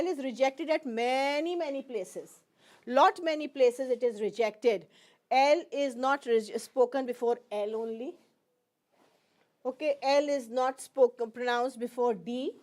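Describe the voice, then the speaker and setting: A woman's voice: sits high, darkish tone. A middle-aged woman with an Indian English accent teaching pronunciation, mixing Hindi and English, patiently repeating words and checking that students follow. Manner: explains patiently, repeats each word and asks "fine?".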